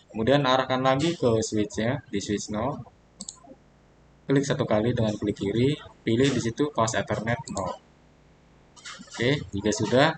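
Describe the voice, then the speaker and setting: A man walking viewers through a networking software tutorial step by step, pausing on fillers as he clicks along. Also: medium pitch, background noise. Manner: steady step-by-step instruction with frequent fillers. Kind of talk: screen-recorded software tutorial.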